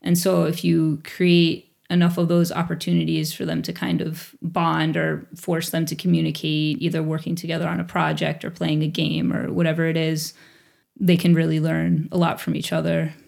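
Her low-pitched voice is creaky and darkish, delivered completely flat at a moderate pace. She is a teacher at a bilingual school, in her forties and a first-language English speaker, thoughtfully answering an interviewer's questions and occasionally restarting a phrase.

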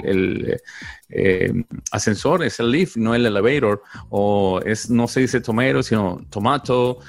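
A man talking casually on a podcast, hesitant and full of repeated words and fillers. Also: on the low side. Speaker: podcast co-host. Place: living in England.

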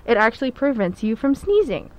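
Female podcast co-host, slightly high voice, giggly, chatty, lots of fillers. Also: sing-song, a little fast, a little mellow. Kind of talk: casual chat.

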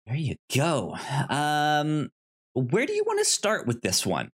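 Speaking slowly with a breathy edge, a man with a fairly high voice swings widely in pitch while hosting his podcast. The chat is relaxed, covering movies and show news, and he tends to stammer and double up on syllables.

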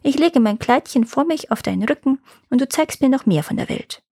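Woman reader as a small, wondering fairy-tale princess; lifted pitch, husky edge, dry. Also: animated, brisk, dark tone, no echo. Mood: eager. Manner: eager questioning, sobbing when scared. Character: small curious princess girl, fearful then bold.

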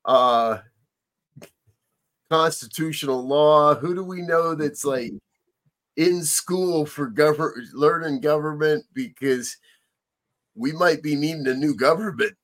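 A man's voice: a little high, slow pace, long pauses, fairly bright tone. Brief: male talk show host, earnest, chatty, laughs easily. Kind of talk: casual chat on current events.

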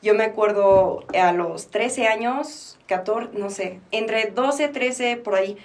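A young Mexican woman with a Mexican Spanish accent, speaking as a podcast guest. Her voice sits at an ordinary middle pitch for a woman. She talks openly and reflectively, looking back on her own life, and drops an English phrase into her Spanish here and there. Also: slow, far from the mic. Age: 20s. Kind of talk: candid personal interview.

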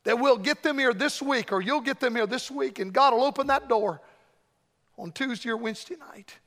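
A man's voice: very high-pitched, moderate pace, a bit bright. A middle-aged man preaching a fervent revival sermon and pleading altar call, emphatic, with short repeated phrases. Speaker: evangelist preacher. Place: large church hall, preaching to congregation. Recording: large reverberant hall.

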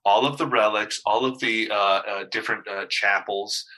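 A man's voice: fairly low pitch, steady tone, moderate pace, bright, forceful tone, poor audio. A male pastor in casual discussion, talking hesitantly with many fillers and restarts.

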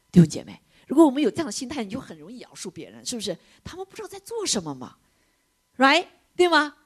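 A middle-aged woman preaching a sermon, switching between loud exclamations and hushed whispers. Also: mid-range voice, husky.

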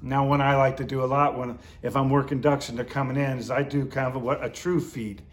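A man's voice: medium pitch, level tone, a little fast. A man instructing in duck calling, explaining his technique step by step in an informal, hands-on way.

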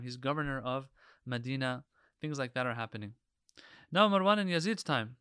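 Clear-voiced man lecturing like an emphatic preacher. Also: mid-range voice, a bit bright, no echo, studio quality. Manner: preacher-like, emphatic, with rhetorical questions. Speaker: religious lecturer. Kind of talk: Islamic history lecture.

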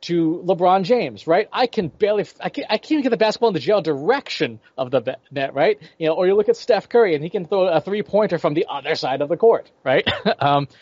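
A man's voice: sits high, lively intonation, fast, darkish tone, dry recording. Man in his forties, guest expert, lectures and checks in with "right?"; dry, slightly dull lo-fi audio. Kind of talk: explanatory interview answers.

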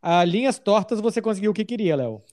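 A man's voice: high-pitched, animated, fast, a little mellow. A Brazilian man hosting a football podcast in a casual, conversational style. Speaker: podcast host.

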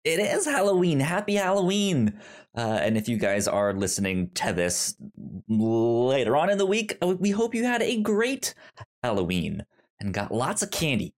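Speaking at a moderate pace in a mid-range voice, a man co-hosting a film podcast keeps things easygoing. He rambles, frequently starts over, and laughs a lot.

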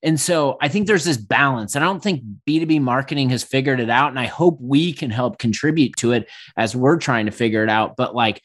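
A man's voice: mid-range voice, fairly quick, hardly any pauses, fairly bright tone. A man co-hosting a podcast, speaking casually and thoughtfully, working through ideas as he talks. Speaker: podcast co-host. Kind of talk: casual conversational podcast talk.

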